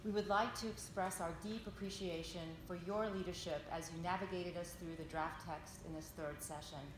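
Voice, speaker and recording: A woman with a slightly low voice delivers a formal speech in an echoey conference room. There is clear noise in the recording. She reads as a delegate, measured and earnest, with emphasis on her points. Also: steady tone. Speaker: NGO delegate speaking for an alliance. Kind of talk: formal prepared closing statement, read out. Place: large indoor conference meeting room.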